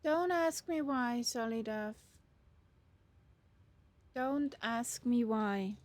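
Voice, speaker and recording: A woman playing a pilot in a flight simulator, switching between deliberate radio readbacks and casual commentary. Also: on the high side, dry recording.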